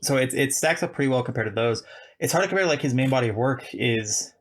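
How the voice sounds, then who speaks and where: Talking fast in a gravelly, creaky, somewhat bright voice of middle pitch, this podcast host rambles casually about films. He keeps circling back, restarting his thoughts, and leaning on "like" throughout the chatty conversation.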